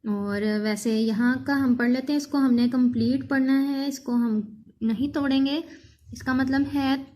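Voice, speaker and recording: A woman teaching an English vocabulary lesson, drawing out each word slowly before explaining it quickly. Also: sits high, fairly even intonation, warm tone. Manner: slow, drawn-out word readings followed by quick explanations.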